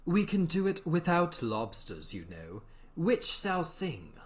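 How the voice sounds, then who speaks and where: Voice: medium pitch, sing-song, slow. A performer voicing a solemn, melancholy old turtle creature in a theatrical storybook reading. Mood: solemn, earnest. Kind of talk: theatrical storybook reading with slow sung verse.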